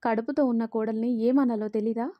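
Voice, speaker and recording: A woman's voice: fairly high pitch, fairly even intonation, a little fast, highs cut off, natural voice. A woman voicing a stern, caring father-in-law.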